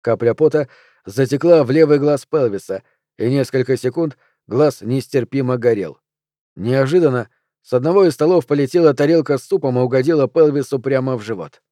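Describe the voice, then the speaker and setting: A man reading a novel aloud in an even, measured narration. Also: mid-range voice, no echo, studio quality. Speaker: audiobook narrator. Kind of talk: scripted narration.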